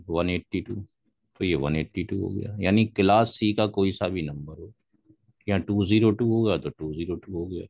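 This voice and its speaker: A man's voice: sits low, gravelly, a little mellow, no room sound. A man teaching a classroom lecture as a networking instructor, methodically spelling out numbers step by step.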